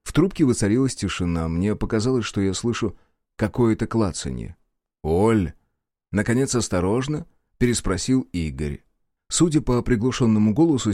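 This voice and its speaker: A man reading scripted audiobook narration with lively, expressive pitch movement. His tone is dark and mellow. The reading is close-miked and dry, with no room behind it. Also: dry recording.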